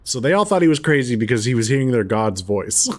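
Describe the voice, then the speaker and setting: A man giving casual gameplay commentary, thinking aloud in a halting, amused way. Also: mid-range voice, very animated. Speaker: gamer, let's player.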